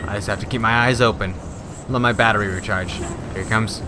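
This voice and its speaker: A young man commenting casually on a horror game as he plays, rambling and shouting during fights. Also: lowish voice, a little fast, noisy background. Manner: rambling, excitable, yells at fights. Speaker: gaming YouTuber. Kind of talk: let's play commentary.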